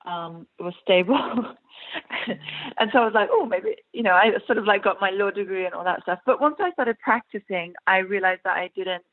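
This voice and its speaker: An Iranian actress with an English accent chats casually in an interview, using lots of fillers and laughing often. Her voice is medium in pitch and moves at a normal speed over a tinny, phone-like line.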